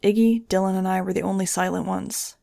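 A woman narrating a fan-fiction audiobook in a steady, even reading voice. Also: medium pitch, brisk, gravelly, dry recording. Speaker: audiobook reader.

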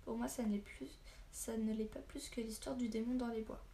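A woman reading the part of a calm, dry-spoken wandering warrior in a story. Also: a little high, brisk, slight background noise, natural voice.

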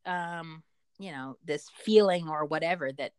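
A woman's voice: low voice, unhurried, a little mellow, clear, resonant tone, no echo. Talkative middle-aged woman, close dry sound. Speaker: parent interviewed about their child. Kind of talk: personal storytelling in conversation.

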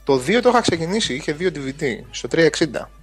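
A man's voice: a little high, animated, husky, faint music behind. A man co-hosting a casual podcast about video games, joking and self-deprecating in colloquial speech. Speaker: gaming podcast co-host.

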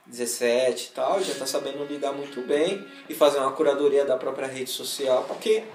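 A Brazilian man in casual chat, talking in relaxed street slang. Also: medium pitch, moderate pace, faint music behind. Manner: slangy, keeps saying "mano" and "bagulho". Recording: roomy, distant mic, faint noise.

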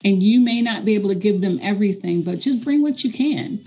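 A woman's voice: medium pitch, lively intonation, brisk, a little mellow, faint music behind. Earnest woman teacher talking. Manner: earnest, encouraging, with fillers and restarts. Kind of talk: reflective conversational talk.

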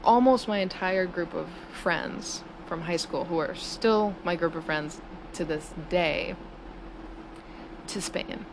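A woman in her thirties hosting a casual solo podcast, chatty and giggling nervously, recorded in low-quality audio in a small studio on a busy street. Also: slow. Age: 30s. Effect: low-quality audio with street noise. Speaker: podcast host. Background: traffic and air-conditioner hum.

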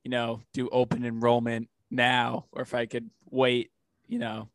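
A man's voice: medium pitch, completely flat delivery, measured pace, no echo. Laughing young man with dry sound. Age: 20s. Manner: laughing, swearing, retelling stories. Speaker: podcast co-host. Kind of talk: casual chat.

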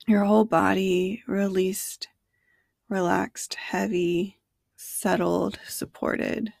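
A woman guides listeners toward sleep in a hushed, soothing bedtime narration. Her delivery is even and drawn out at a very slow pace, sometimes close to a whisper. The sound is dry and close, with little room around it. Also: mid-range voice, gravelly, dry recording. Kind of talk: sleep meditation narration, slow body scan.

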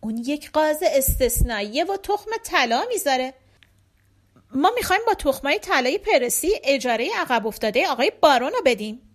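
A woman voicing an innocent, excited young girl in a storybook. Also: sits high. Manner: simple, excited.

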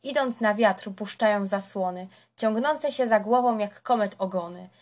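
A woman reading a verse epic aloud as scripted narration, in a measured, rhythmic recitation. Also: medium pitch, darkish tone. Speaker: reader.

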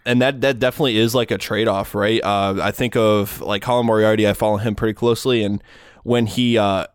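A man co-hosting a video game podcast, talking in a relaxed, rambling way with many restarts. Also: fairly low pitch, brisk, clean tone, no echo, studio quality. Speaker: podcast co-host. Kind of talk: casual podcast chat.

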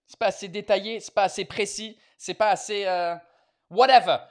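A bilingual comedian host chats live and casually, mixing French and English and swearing freely. His voice sits high, with a steady tone at normal speed.

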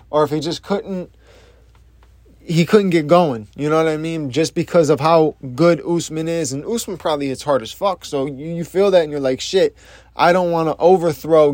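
A casual fight breakdown from a man who talks in blunt, profane slang and often restarts his sentences. His voice sits a little high for a man. The recording is dry, with no room sound. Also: darkish tone, no echo. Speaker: MMA commentator.

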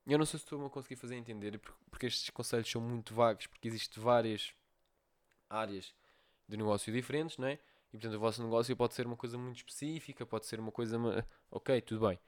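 A man's voice: medium pitch, fairly even intonation, fast talker. A man with a European Portuguese accent hosting a solo podcast, giving advice and often checking in with his listeners. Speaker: podcast host.

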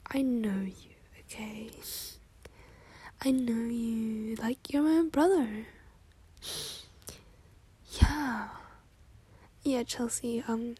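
High, breathy whispering young woman. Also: warm tone. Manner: whispering, heavy "like" fillers, catty. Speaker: roleplayer addressing the listener. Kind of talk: whispered ASMR roleplay.

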